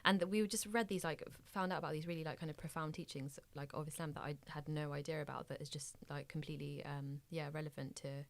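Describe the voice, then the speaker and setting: A woman's voice: deep voice, steady tone, quick pace, few pauses. A young woman from Bangladesh co-hosting a podcast, talking in a thoughtful, reflective way and searching for her words. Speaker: podcast co-host. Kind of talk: casual podcast conversation.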